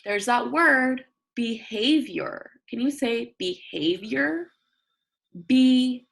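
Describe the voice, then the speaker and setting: With a husky, somewhat high voice touched by vocal fry, a woman reads nonfiction to young children as their teacher would. Her delivery is expressive and deliberate, full of prompting questions and simple explanations spoken as she thinks.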